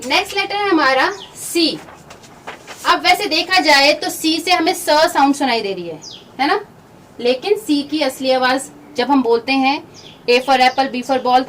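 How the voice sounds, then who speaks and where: Woman phonics teacher, high voice, slow patient explaining, distant mic, faint hiss. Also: fairly bright tone. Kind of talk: phonics lesson for children.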